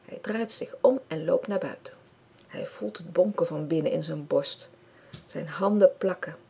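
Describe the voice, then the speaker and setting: Narrator for kids' audiobook: woman, calm read, low husky voice. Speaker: audiobook reader. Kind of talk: children's story read aloud.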